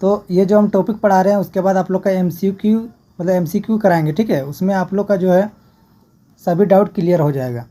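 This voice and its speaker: A woman's voice: medium pitch, fairly quick, warm tone. A woman teaching an exam-prep grammar lesson, explaining step by step and repeating each example.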